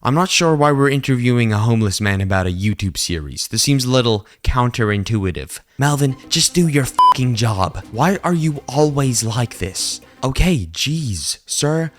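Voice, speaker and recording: A man's voice: medium pitch, animated, normal speed, hardly any pauses, faint music behind, close to an everyday voice. A man playing an earnest TV news reporter in a mock breaking news broadcast, formal with exasperated asides. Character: earnest TV news anchor and flustered field reporter in skit.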